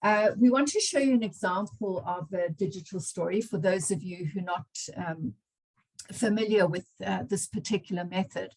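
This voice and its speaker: A woman's voice: medium pitch, moderate pace, husky, rough recording. Woman explaining on a video call. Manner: explanatory, with frequent fillers. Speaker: workshop facilitator. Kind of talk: online workshop presentation.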